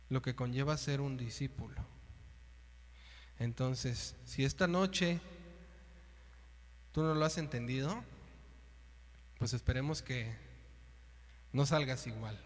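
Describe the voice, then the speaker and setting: A man preaching an informal sermon in a conversational way, with colloquial asides and rhetorical questions. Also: on the high side. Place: church. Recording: long church-hall reverb.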